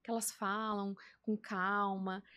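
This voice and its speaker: A Brazilian woman guest telling her faith story in casual chat, acting out quoted dialogue with animated delivery. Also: medium pitch, slow pace, clean tone, no echo. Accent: Brazilian Portuguese. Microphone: podcast mic.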